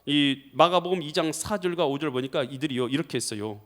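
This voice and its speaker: A man preaching a sermon as pastor, emphatic and full of rhetorical questions to the congregation, crying out loudly when acting out pleas. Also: on the high side, fairly quick.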